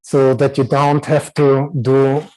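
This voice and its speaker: A German man speaking English with a German accent, introducing a yoga sequence with many pauses and fillers. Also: medium pitch, completely flat delivery, a little mellow, poor audio. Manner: slow, halting, many fillers. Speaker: yoga teacher. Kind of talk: online yoga session introduction.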